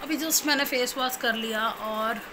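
A woman's voice: on the high side, a little slow, background noise. A young woman and new mother talking casually to her viewers at home, chatty and giving plain advice. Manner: cooing baby talk to her infant; chatty, advising viewers directly. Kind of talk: casual home vlog talk.

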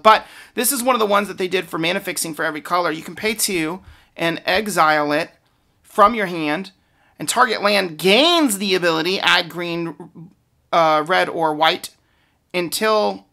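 A man's voice: on the high side, vocal fry, bright, forceful tone. A man giving casual, off-the-cuff unboxing commentary as he opens card packs, often hesitant and trailing off mid-thought. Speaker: card pack opener and commentator.

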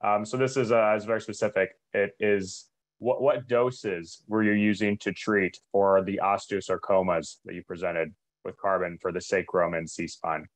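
A man's voice: on the low side, fairly even intonation. A man moderating a webinar Q&A, reading out audience questions in a polite, reassuring way. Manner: polite, reassuring, slightly rushed.

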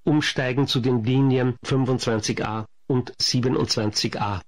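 Male subway announcer, medium pitch, formal scripted delivery of station announcements. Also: fairly even intonation. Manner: formal, measured listing of stops and transfers.

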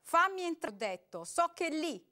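A woman reading aloud, voicing a furious jealous man who shouts high and loud at a closed door. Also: big pitch swings, moderate pace, exaggerated voice. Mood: furious shouting.

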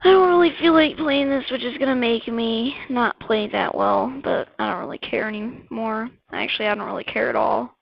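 Excitable woman with a gravelly, lo-fi voice. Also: fairly high pitch, no room sound. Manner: excitable, rambling, blurts out weapon names. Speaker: gameplay commentator. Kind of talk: casual gameplay commentary. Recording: dull lo-fi dry mic.

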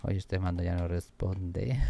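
A man commenting on a video game as he plays it. His voice sits fairly low with a gravelly, fried edge. He is excitable, swears freely and exclaims often. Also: takes it slowly, a little hiss or hum. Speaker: gaming streamer. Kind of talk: let's play commentary.

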